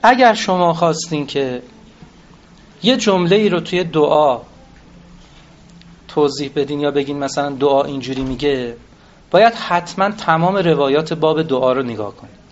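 A man's voice: on the high side, expressive, long pauses. A man giving a religious lecture, reciting scripture and explaining it in everyday speech, asking the audience questions. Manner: self-deprecating, addresses audience with questions. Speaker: cleric lecturer. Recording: dull lo-fi recording.

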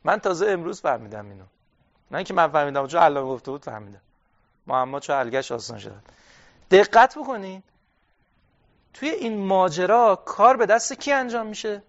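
A man's voice: sits high, sing-song, pauses often. A man teaching a class on scripture commentary, reading Arabic passages aloud and explaining them step by step, putting questions to his listeners and answering them himself. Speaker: religious studies teacher. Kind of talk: classroom lecture on Quranic exegesis. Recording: dull lo-fi recording.

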